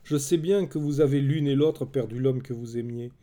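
A man's voice: medium pitch, normal speed, mellow, close to an everyday voice. A man voicing a desperate young prophetess whose warnings go unheard, pleading and crying out in a raised voice. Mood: urgent. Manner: frantic, pleading, rising to wild cries.

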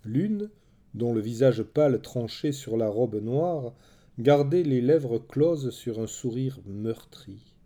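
A man narrating a story in a measured, dramatic way. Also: medium pitch, expressive, dark tone.

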